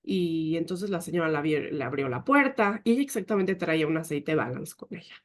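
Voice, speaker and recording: A woman's voice: deep voice, expressive, fairly quick. Lady telling her team a personal story, earnest and emotional, quotes people a lot. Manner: often quotes herself and others. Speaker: team leader giving a leadership talk. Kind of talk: personal testimony talk.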